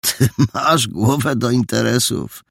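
A man's voice: medium pitch, slow, gravelly, a bit bright, no room sound, clean studio sound, voice pushed up, full character voice. A man voicing a reserved adult male painter who answers curtly, in an audiobook. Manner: curt, short answers.

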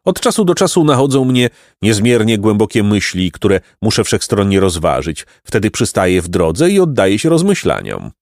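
A man's voice: on the low side, wildly swooping pitch, moderate pace, hardly any pauses, darkish tone, no echo, clean studio sound. A man voicing a pompous, stubborn male donkey who fancies himself a philosopher, in a lofty, ponderous storybook manner. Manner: lofty, ponderous, self-important. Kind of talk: audiobook reading of a children's tale.

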